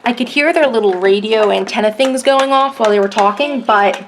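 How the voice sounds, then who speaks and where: A young woman vlogger chatting casually while reviewing a toy, soft-spoken with many fillers, recorded at home on a camera mic. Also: a little high, fairly quick, slight background noise.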